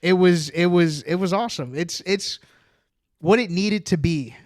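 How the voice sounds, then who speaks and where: A man's voice: high-pitched, unhurried, no room sound, studio quality. A man guesting on a movie podcast, talking enthusiastically and filling his sentences with "like" and "yeah". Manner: enthusiastic, heavy use of "like" and "yeah". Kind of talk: casual movie review chat. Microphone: podcast microphone.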